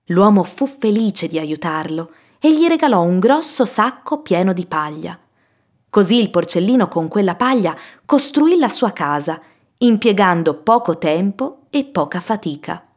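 A woman reading a children's fairy tale aloud in an expressive storytelling manner. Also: mid-range voice, measured pace. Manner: lively, expressive telling.

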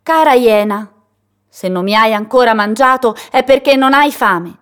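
A woman voicing a curious, cheeky little female goat kid in a storybook reading, with a high, bold manner. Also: animated, moderate pace, fairly bright tone. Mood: pleading.

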